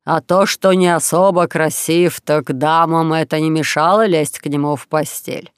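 An audiobook reader voicing a jovial, pushy king who plays matchmaker, talking slowly and loudly in a dry, close recording. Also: medium pitch, creaky, clean tone, no room sound. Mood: persuasive. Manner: coaxing, blustering, loud and slow. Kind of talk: audiobook character voice.

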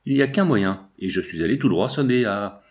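A man's voice: fairly low pitch, lively intonation, close to an everyday voice. A man reading a brash young male art student who rambles on without stopping. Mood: excited. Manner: rapid, unstoppable rambling.

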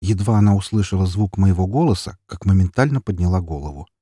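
A man reading a first-person audiobook with an ironic, lively delivery. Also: sits low, fast talker, breathy edge, no echo, clean studio sound. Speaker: audiobook narrator. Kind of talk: scripted narration.

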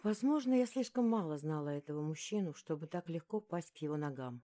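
A woman narrating a first-person romance audiobook in a soft, even storytelling voice. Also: deep voice, brisk.

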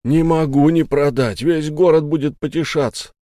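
A man voicing an easygoing, good-natured village husband who talks slowly and calmly. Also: on the high side, no echo, studio quality, pitched above the performer's own voice, lightly acted. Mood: placid, reasoning. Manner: slow, placid, drawling.

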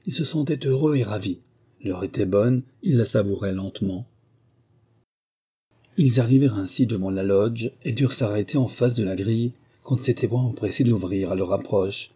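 Male audiobook narrator, deep-set dark timbre, measured literary read. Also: breathy edge.

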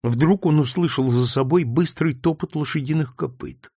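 A man narrating a novel aloud in an expressive, measured storytelling manner. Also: fairly high pitch, breathy edge, no room sound, studio quality. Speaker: audiobook narrator. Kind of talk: scripted narration.

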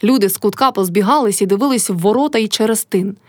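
A woman narrating a classic novel in an expressive audiobook reading. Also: medium pitch, quick pace, no echo, studio quality. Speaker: reader.

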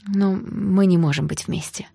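A woman's voice: on the low side, steady tone, gravelly, breathy edge, no echo, clean studio sound, full character voice. A woman voicing a guilty, subdued young man. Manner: quiet, halting, apologetic.

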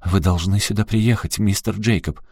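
A man reading an audiobook and voicing a polite, soft-spoken young woman. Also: lowish voice, steady tone, normal speed, no room sound. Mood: polite, pleading. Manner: polite, sweet, pleading. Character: polite young woman, shop clerk, sweetly complicit.

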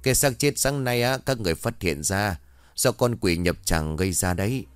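A man voices an old village exorcist, calm and grave. He speaks in a deep, low voice with solemn, measured explanations. The sound is dry and close. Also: clear, resonant tone, no echo, close to an everyday voice.

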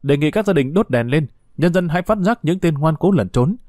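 A man voicing a formal announcer declaiming to villagers over a loudspeaker, in an audiobook. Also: a little high, expressive, brisk, dry recording, studio quality, pitched above the performer's own voice, natural voice.

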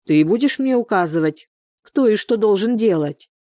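A woman's voice: mid-range voice, expressive, normal speed, mellow, no room sound, studio quality, lightly acted. A woman reading the part of a hot-tempered village wife and mother who scolds sharply. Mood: scolding.

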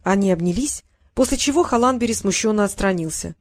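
A woman narrating a fantasy audiobook in a steady storytelling manner. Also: mid-range voice, brisk, dry recording. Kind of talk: scripted narration.

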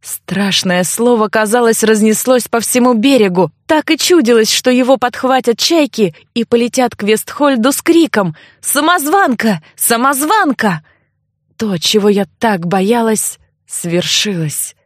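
A woman narrating a first-person novel in an expressive, dramatic reading. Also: a little high, unhurried, dry recording, clean studio sound. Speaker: audiobook narrator.

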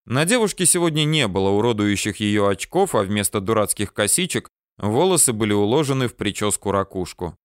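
A man's voice: on the low side, lively intonation, brisk, hardly any pauses, no room sound, studio quality. A man narrating a first-person audiobook in a wry, ironic, matter-of-fact way.

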